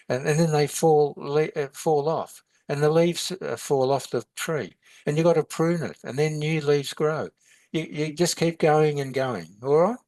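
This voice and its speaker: A man's voice: a little high, a little mellow, no room sound. A man, teaching in a podcast chat, rambling with many halts and restarts. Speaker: meditation and philosophy teacher.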